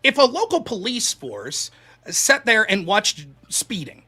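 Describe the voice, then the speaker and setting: A man in a heated online debate, arguing quickly and pressing with rhetorical questions. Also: high voice, wildly swooping pitch, pushed and bright. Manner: rapid, argumentative, rhetorical questions.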